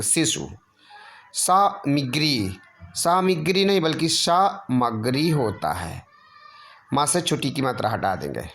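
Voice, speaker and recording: A man teaching spelling corrections, slowly dictating and repeating each word. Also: fairly high pitch, gravelly. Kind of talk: spelling lesson.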